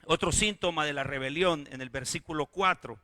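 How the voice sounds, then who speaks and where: A man preaching a sermon to his church, telling stories and rising into fervent, shouted preaching. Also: on the high side, moderate pace, no room sound. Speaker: pastor.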